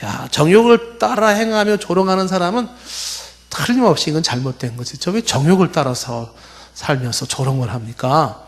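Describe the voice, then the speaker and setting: Animated high-voiced man preaching. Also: normal speed. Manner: explanatory, rhetorical questions, reads scripture aloud. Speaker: pastor. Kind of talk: expository sermon.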